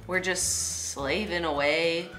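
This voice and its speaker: A young woman making casual prank calls indoors, explaining herself in a deadpan, rambling way. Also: lowish voice, slow pace, faint music behind, poor audio. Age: young adult. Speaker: prank caller and show host. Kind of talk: casual prank phone call and chat. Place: small indoor room, seated at a table.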